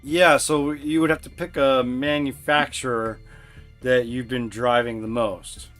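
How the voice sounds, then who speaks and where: Slow, easygoing male game streamer. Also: mid-range voice, steady tone, fairly bright tone. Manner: easygoing, thinks aloud while picking menus. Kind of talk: casual gameplay livestream chat. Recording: faint music behind the voice.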